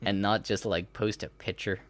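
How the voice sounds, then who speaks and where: Low-voiced rambling podcast man. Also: flat delivery, normal speed, fairly bright tone. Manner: rambling, laughing, with mocking impressions. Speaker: podcast host. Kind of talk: casual chat.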